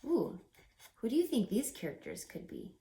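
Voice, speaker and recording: A woman reads a picture book aloud in a teacherly way, slow and instructive, pausing dramatically and asking questions of young listeners. Her voice sits on the high side, with huge pitch swings and a dark tone.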